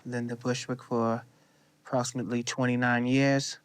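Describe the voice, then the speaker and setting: A man's voice: mid-range voice, flat delivery, normal speed, slight background noise. A thirty-year-old man, speaking plainly and matter-of-factly in a documentary interview. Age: 30s. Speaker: interviewee, local resident.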